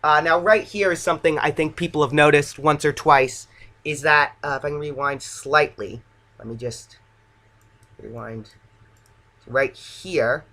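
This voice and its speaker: A man's voice: a little high, a little slow, bright, forceful tone. A man giving casual, unscripted director's commentary as an amateur filmmaker, hesitant and self-deprecating.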